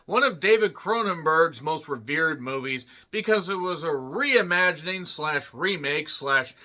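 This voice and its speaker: A man's voice: a little high, animated, unhurried, sharp tone. A man giving a casual solo movie review, rambling into jokey asides, puns and self-mockery. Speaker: film reviewer.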